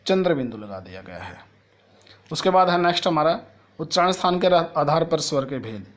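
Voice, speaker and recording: A man's voice: a little high, lively intonation, brisk, fairly bright tone. A man teaching a school grammar lesson to children. He asks a question and then answers it himself, and he spells out sounds one at a time. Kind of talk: classroom lesson explaining Hindi grammar to children.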